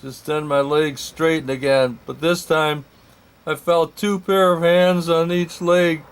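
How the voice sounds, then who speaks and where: Slow rambling male storyteller. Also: fairly high pitch, little pitch movement, clear, resonant tone. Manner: rambling, self-correcting, comic asides. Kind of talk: first-person story narration.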